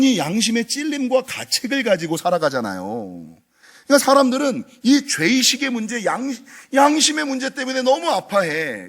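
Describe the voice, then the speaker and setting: A man with a high voice preaches a sermon as pastor, speaking emphatically and firing rhetorical questions at the congregation.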